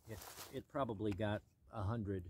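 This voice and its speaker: An older man talks his way up a forest trail outdoors, rambling and thinking aloud with plenty of ums and uhs. His voice sits low, and he slips in a dry joke now and then. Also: darkish tone, a little hiss or hum. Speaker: hiking vlogger. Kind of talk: casual narration while hiking.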